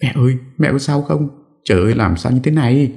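A man's voice: mid-range voice, normal speed, warm tone, pitched above the performer's own voice, close to an everyday voice. A man voicing a distraught young bride in an audiobook story, tearful and pleading.

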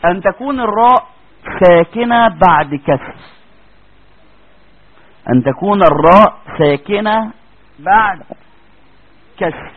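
A man with an Egyptian Arabic accent teaches Quran recitation in a classroom lecture, his voice high, expressive and slightly rough, moving slowly with long pauses. He walks through each rule step by step and keeps asking whether the students are following. The lecture recording sounds tinny and lo-fi.

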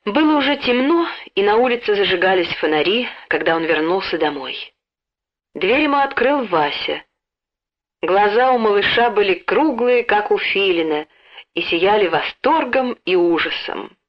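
A woman narrating an audiobook story in an expressive, dramatic reading. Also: medium pitch, normal speed. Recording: dull lo-fi recording.

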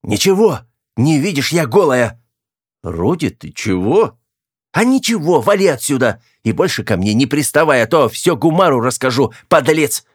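A man's voice: mid-range voice, sing-song, moderate pace, breathy edge, voice pushed up. A man doing a moody, bold young woman. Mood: angry. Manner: teasing, then sharp and scolding. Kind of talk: audiobook character voice.

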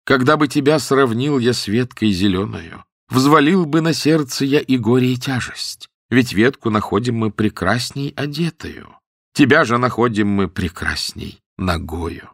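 A man's voice: mid-range voice, lively intonation, measured pace, creaky, no echo, clean studio sound. A man voicing a lovesick young male porter in a storybook tale, reciting verse with mock longing. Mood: admiring.

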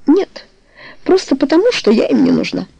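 A woman's voice: sits high, huge pitch swings, moderate pace, warm tone, no echo, dull audio, voice pushed up. A woman voicing a young woman in love in a storybook reading, pleading and tender. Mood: anxious.

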